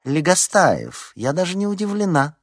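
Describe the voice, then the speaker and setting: Storybook villain: man doing a high, husky, sarcastic woman deputy head, menacing. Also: sing-song, normal speed, no echo, heavily acted. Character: stern imperious woman deputy head teacher.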